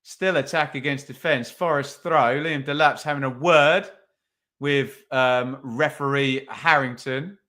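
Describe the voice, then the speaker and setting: Forceful and bright, a podcast host's mid-range voice stays fairly even in intonation and unhurried as he casually comments live on a football match, chatting, thinking aloud and using tag questions.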